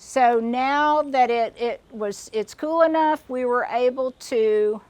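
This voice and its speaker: A woman's voice: fairly high pitch, takes it slowly, a little mellow, no room sound. Chatty older woman touring her garden. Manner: chatty, digressive, restarts often. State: slightly out of breath. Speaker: garden vlogger. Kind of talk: casual garden tour. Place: outdoors in a backyard garden.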